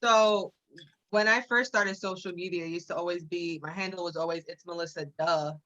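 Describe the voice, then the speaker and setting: A woman's voice: fairly low pitch, steady tone, brisk, a bit bright. A woman co-hosting a casual live-stream chat, telling stories chattily. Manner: chatty, storytelling. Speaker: co-host. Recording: dull, lo-fi sound.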